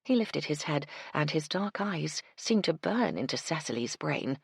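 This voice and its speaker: A woman reading a cozy mystery audiobook with steady scripted narration. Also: deep voice, a little slow, creaky, slightly rough, dry recording, clean studio sound.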